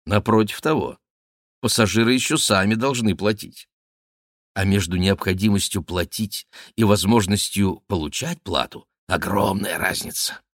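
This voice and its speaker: A man reading a classic novel aloud in measured, expressive narration. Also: fairly low pitch, no room sound, clean studio sound. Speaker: audiobook reader. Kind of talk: scripted literary narration.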